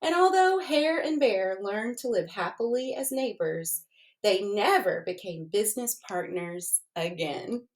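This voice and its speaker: A woman's voice: medium pitch, expressive, unhurried. A woman reading a children's storybook aloud expressively, addressing her young listeners as she goes.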